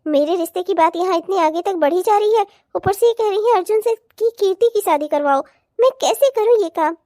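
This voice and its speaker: A woman's voice: very high-pitched, brisk, dark tone, no room sound, clean studio sound. A woman voicing a troubled young bride in a cartoon, speaking with anguish. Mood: worried. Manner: emotional, anguished. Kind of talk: cartoon voice acting.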